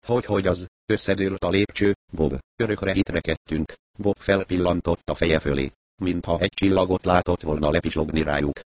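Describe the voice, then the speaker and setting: Deep-voiced male audiobook narrator. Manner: steady, measured reading.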